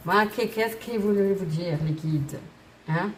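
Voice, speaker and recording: A woman's voice: mid-range voice, takes it slowly, a little hiss or hum. A woman giving a casual tarot card guidance reading, bubbly and giggly, rambling with self-mocking asides and chatting straight to her viewers. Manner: lots of fillers and restarts, chatting straight to viewers. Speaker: tarot and oracle card reader.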